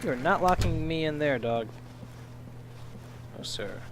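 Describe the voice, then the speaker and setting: A man's voice: fairly high pitch, animated, slow, slight background noise. A man streaming a video game and giving casual commentary, joking and heckling the game as he plays.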